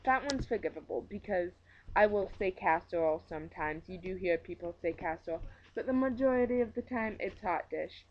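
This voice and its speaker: A woman's voice: fairly low pitch, lo-fi sound, slight background noise. A woman with a Minnesota accent giving a casual, opinionated book review rant, emphatic, blunt and joking in her exasperation. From Minnesota, USA.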